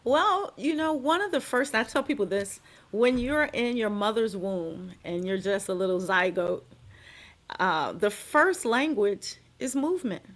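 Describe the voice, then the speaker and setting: A middle-aged woman from the United States, speaking as a guest in a podcast interview. She tells her stories in an expressive way and leans hard on key words. Her voice sits at an ordinary middle pitch. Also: unhurried, slight background noise. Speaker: guest, dance and movement healer.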